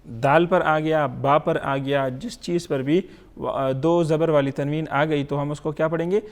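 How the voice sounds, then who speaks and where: A man teaching Quran recitation in an online lesson, drawing out each letter sound slowly and checking in often with short questions. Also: a little high, fairly even intonation.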